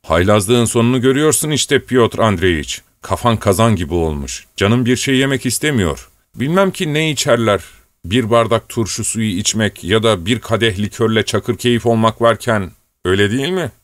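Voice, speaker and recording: A man's voice: on the low side, lively intonation, normal speed, no room sound, natural voice. A man voicing a devoted old male servant who scolds, frets and pleads tearfully. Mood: grumbling. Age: older. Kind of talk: audiobook character voice.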